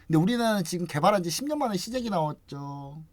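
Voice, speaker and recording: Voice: medium pitch, fast, no echo. An investment channel host in casual explanatory talk, telling it like a story and acting out what others say. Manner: lively storyteller acting out quoted remarks; chatty, frequent rhetorical questions.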